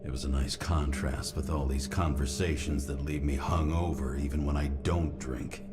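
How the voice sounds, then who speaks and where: A man's voice: extremely low pitch, fairly even intonation, moderate pace. An actor playing a cynical, world-weary male detective narrating his own thoughts. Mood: brooding. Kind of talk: inner-monologue narration. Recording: loud music under the voice. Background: loud music.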